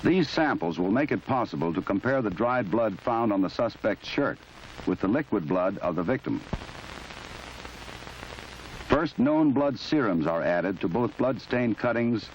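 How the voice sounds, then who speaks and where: A male narrator with a low register reads a forensic training film's formal, scripted documentary narration in a measured, exact instructional manner, though still animated. The muffled soundtrack of this old 1970s film carries faint background noise.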